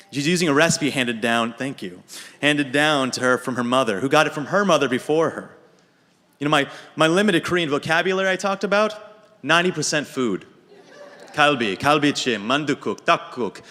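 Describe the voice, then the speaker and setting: A young American man telling a dry, deadpan comic story about himself on a radio show. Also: mid-range voice. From United States. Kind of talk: humorous personal monologue. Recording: reverberant hall.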